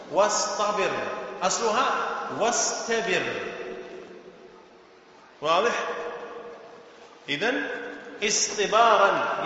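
A man's voice: sits high, sharp tone, slight background noise. A man teaching Arabic morphology to a class, repeating each point, spelling out letters and quizzing his students. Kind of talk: classroom lesson explaining verse. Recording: echoey hall, dull lo-fi.

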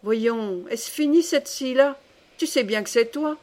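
Casting: woman reading a worn-out, teasing man for an audiobook, low and resigned. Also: takes it slowly. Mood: weary. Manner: tired, resigned, lowered voice. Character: weary, mocking man in bed.

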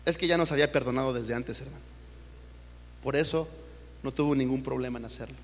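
A man's voice: medium pitch, brisk. A man preaching a sermon in church. He asks the congregation rhetorical questions and keeps calling them brother. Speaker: pastor. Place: church sanctuary. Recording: long church hall reverb.

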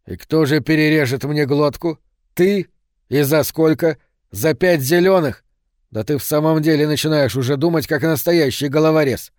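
A rough young man from the streets talks fast and urgently, his voice pushed up and louder, as the narrator acts him out. The tone is dark and dry, close to the mic, in a storybook reading. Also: on the high side, dry recording, natural voice. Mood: scornful.

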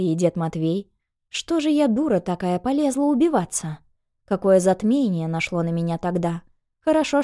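A woman narrating an audiobook in a calm, even storytelling voice. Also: medium pitch.

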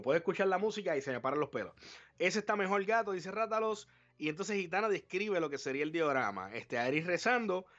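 A man co-hosting a live podcast, animated and profane, acting out his reactions. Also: on the high side, dull audio. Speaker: podcast co-host. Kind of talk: casual live podcast chat.

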